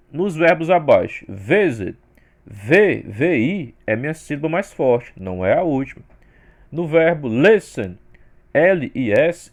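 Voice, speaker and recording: Lively Brazilian man teaching English grammar. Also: on the high side. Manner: explains step by step, says sample words louder. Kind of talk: grammar lesson.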